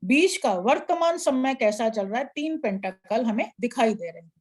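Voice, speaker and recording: A woman's voice: a little high, lively intonation, moderate pace, darkish tone. A woman teaching a live tarot class, explaining card spreads step by step. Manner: explanatory, instructive, asks an assistant to show slides. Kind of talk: live online class lecture.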